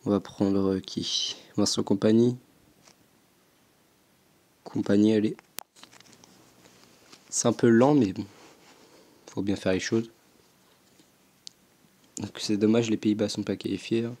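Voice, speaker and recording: A young man giving casual, hesitant commentary as he plays a football game, thinking aloud with frequent pauses and fillers. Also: lowish voice, steady tone, mellow. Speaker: gaming YouTuber.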